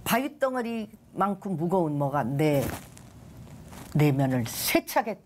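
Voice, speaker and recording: A woman's voice: sits low, very animated, slow, darkish tone, a little hiss or hum. An older woman, a guest on a television talk show, giving an emotional personal faith testimony that rises and falls dramatically. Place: TV studio.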